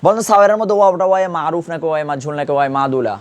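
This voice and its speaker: The recording is lo-fi, and the male teacher races along in a slightly raised voice. He runs his grammar lesson conversationally, patiently practicing pronunciation and firing repeated questions at the class.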